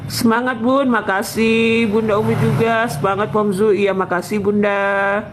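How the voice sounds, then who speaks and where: A woman from North Sumatra with a North Sumatran accent, talking loudly and bluntly to viewers on a live stream. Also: mid-range voice, a little slow, background noise. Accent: North Sumatran Indonesian. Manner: loud, blunt, sounds angry when calm.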